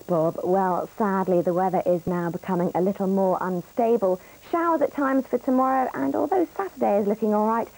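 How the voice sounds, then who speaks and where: A female weather presenter with a fairly high voice. She delivers the forecast informally, starting phrases high and letting them fall away in a sing-song pattern. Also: gravelly, a little mellow, low-quality recording.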